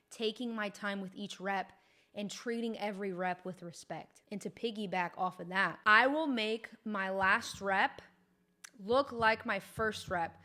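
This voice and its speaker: A woman's voice: mid-range voice, fairly bright tone. A young woman fitness coach explaining gym technique in a chatty, upbeat, informal way. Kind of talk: casual instructional talk.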